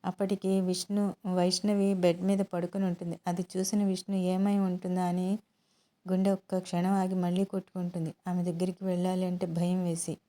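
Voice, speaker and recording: Even-toned woman storyteller. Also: on the low side, brisk. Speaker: storyteller host. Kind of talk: narrating a serialized love story.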